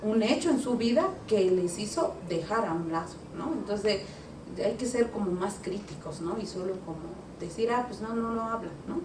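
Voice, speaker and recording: A woman's voice: medium pitch, lively intonation, normal speed. A woman reflecting in a panel discussion, with frequent tag questions. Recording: echoey room, distant mic, noise.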